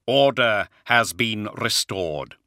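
A calm, thoughtful commander who weighs each word, played by a male narrator. The voice is forceful and bright, recorded close and dry. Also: lowish voice, no echo, exaggerated voice. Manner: calm, slow and deliberate.

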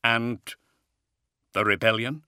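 A hoarse, croaking warrior barely back from a coma, voiced by a man reading the story. He speaks in halting, strained bits, sometimes dropping to a whisper. The sound is bright and dry. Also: medium pitch, fairly even intonation, no echo. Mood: weak. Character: weak, croaking male warrior waking from coma.

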